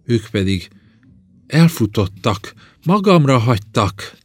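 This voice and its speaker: A man reading the part of a young princess badly burned in a fire, speaking haltingly and in pain. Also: medium pitch, big pitch swings, husky, dry recording, pitched above the performer's own voice. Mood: screaming. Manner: halting, pained, breaking into screams.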